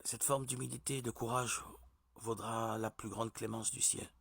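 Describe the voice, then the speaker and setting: A man giving a measured, deliberate religious teaching, like a sermon. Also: medium pitch, little pitch movement, vocal fry, fairly bright tone, husky, no echo, clean studio sound. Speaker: preacher.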